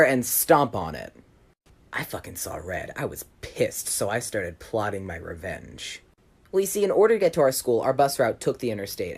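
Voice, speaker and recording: Animated, very low-voiced young woman storyteller. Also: slightly rough. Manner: blunt, profane and animated. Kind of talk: casual storytime narration.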